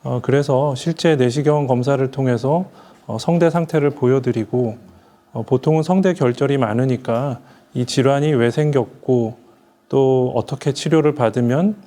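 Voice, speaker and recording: A man with a dark, mellow voice talking on a medical panel discussion. He speaks hesitantly, pausing on frequent fillers between phrases. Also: mid-range voice. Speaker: ENT doctor panelist.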